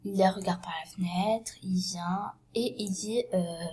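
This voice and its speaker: Arranging her props, a woman with a cold tells a story in a loose, unscripted way. She trips over words, starts sentences again, relies on fillers, and often drops into a quiet, breathy near-whisper. Her pitch is medium, her intonation mostly even, and she takes her time; she's a vlogger recounting a tale.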